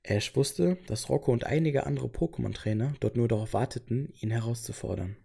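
A man's voice: mid-range voice, a little fast, gravelly, dark tone, breathy edge. A man reading a game storybook chapter aloud as the narrator.

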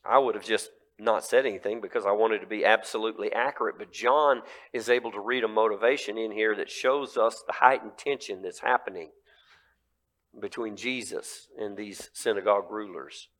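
A male pastor preaching a sermon in a lively, conversational way, full of rhetorical questions. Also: fairly low pitch, normal speed.

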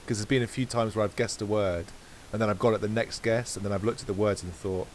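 Male podcast co-host, low voice, easygoing and meandering delivery, faint hiss. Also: quick pace, poor audio. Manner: rambling, self-correcting, relaxed. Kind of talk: casual chat.

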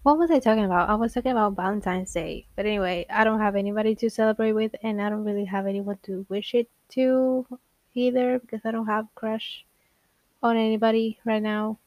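A woman's voice: medium pitch, steady tone, a little fast, a little mellow, no echo, lo-fi sound. A young woman hosting her own show, talking in a rambling, candid way, laughing often and poking fun at herself as she drifts between topics. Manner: self-deprecating, wanders off topic. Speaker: podcast host. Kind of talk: casual solo monologue.

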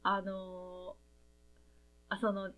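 A woman's voice: medium pitch, monotone, extremely slow, a bit bright. A woman with a Kansai accent, chatting casually and rambling a little as a podcast host. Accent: Kansai Japanese. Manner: chatty, rambling, laughs often. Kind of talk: casual chat.

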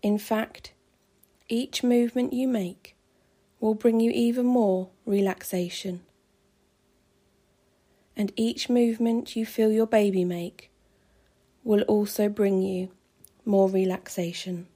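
A woman calmly guiding a pregnancy relaxation meditation with slow, soothing, measured phrasing. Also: mid-range voice. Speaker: meditation guide.

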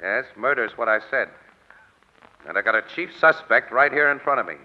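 An actor playing a wry, cool-headed crime photographer who talks in slangy tough talk in old-time radio detective drama style. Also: male voice, medium pitch, lively intonation, fairly quick, close to an everyday voice. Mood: brash. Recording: dull vintage radio recording.

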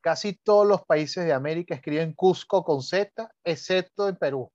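A Venezuelan man with a Venezuelan Spanish accent chats casually about spelling, his slightly high, darkish voice at normal speed in a muffled recording with no room sound. He's a chatty storyteller, telling anecdotes with frequent laughs and asides.

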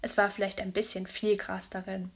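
A woman narrating a children's audiobook as a young girl telling her own story. Her telling is lively and chatty, with a mid-range voice. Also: mid-range voice, moderate pace. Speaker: audiobook reader.

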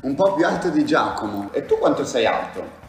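A woman's voice: extremely low pitch, sing-song, moderate pace. A woman playfully questioning a child in a mock casting, teasing and encouraging. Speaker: interviewer of children. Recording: very echoey room with faint music.

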